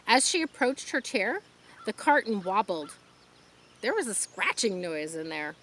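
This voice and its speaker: A woman storyteller in a rural outdoor setting reads aloud from a children's book, measured in pace and mid-range in pitch. She reads with expression and adds explanatory comments of her own, and there's a slight hiss or hum.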